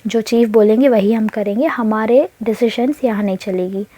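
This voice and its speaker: A woman's voice: fairly high pitch, normal speed, dark tone, no echo, natural voice. A woman voicing a firm alien mother who settles arguments.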